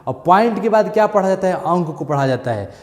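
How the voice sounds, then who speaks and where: A male maths teacher, repeating steps and checking in often with "thik hai" and "clear". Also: high voice, expressive, a little fast, in a large hall. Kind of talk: classroom maths lesson.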